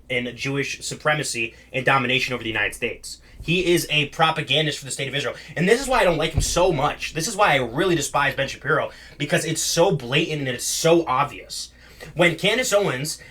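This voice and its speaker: A man's voice: fairly high pitch, bright, forceful tone. A man giving casual reaction commentary in a heated, slangy and mocking way. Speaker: online commentator.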